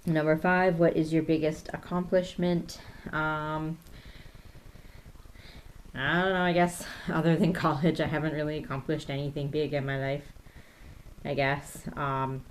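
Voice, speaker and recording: A woman's voice: low-pitched, slight background noise. A woman in her thirties chatting casually through a tag video, hesitant and full of ums as she reads questions off her phone. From Canada. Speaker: YouTube vlogger.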